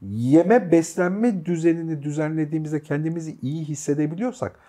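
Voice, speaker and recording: A man's voice: fairly high pitch, brisk, dark tone. A man co-hosting a talk show, reflecting and building arguments in casual chat. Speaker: co-host.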